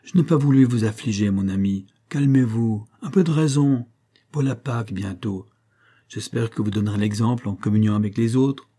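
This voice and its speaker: A man reading the part of a calm, stern older male village priest who reproves quietly, in an audiobook. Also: on the low side, normal speed, close to an everyday voice. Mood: measured.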